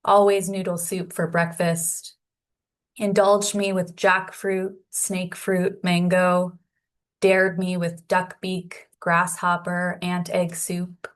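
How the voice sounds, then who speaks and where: A woman from Canada with a Canadian accent, reading her poem slowly and evenly over a remote call. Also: lowish voice. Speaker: poet. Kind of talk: poetry reading.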